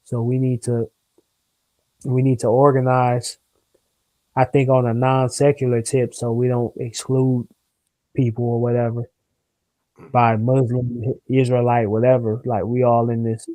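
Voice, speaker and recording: A man's voice: medium pitch, little pitch movement, measured pace, pauses often, dark tone, no echo, rough recording. Earnest young man with a dry sound. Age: young adult. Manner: earnest, preachy and rambling, heavy on slang. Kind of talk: casual discussion.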